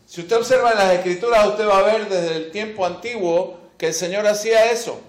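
Man, preacher, sermon, repeats key phrases emphatically, high voice, echoing room. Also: fairly quick. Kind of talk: sermon with scripture reading. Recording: echoey room.

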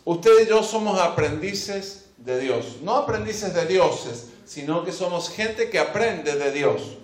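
A man's voice: sits high, lively intonation, takes it slowly. A man preaching a sermon, reading scripture and then speaking straight to his listeners, stressing and repeating his key phrases. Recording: echoey room.

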